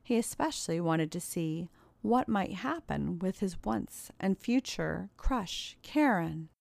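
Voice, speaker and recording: A woman narrating a story in a measured, even way and hosting her own audio channel. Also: on the low side, vocal fry, no echo.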